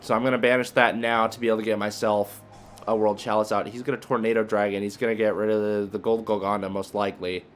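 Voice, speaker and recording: A video creator and card game player gives casual gameplay commentary in a lowish, flat voice at a quick pace. He thinks aloud hesitantly, muttering as he reasons through his moves.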